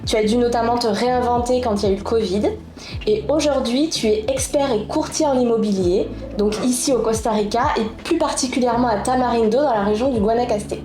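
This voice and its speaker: A woman co-hosting a casual interview, introducing the guest and asking questions clearly. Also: fairly high pitch, fairly quick, roomy sound. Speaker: co-host, interviewer.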